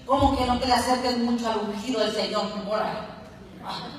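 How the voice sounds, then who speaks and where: A woman from Colombia preaching an animated sermon at a church conference, switching between soft asides and shouted lines and acting out quoted voices. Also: on the high side, brisk. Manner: acts out quoted voices in dialogue. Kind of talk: Pentecostal sermon. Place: large church auditorium. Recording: echoey church hall, voice from far off.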